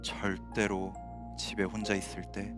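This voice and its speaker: A man's voice: fairly low pitch, monotone, unhurried. A young man hosting a casual variety-style show, playfully emceeing and bantering with his friends. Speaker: show host. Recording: music behind the voice.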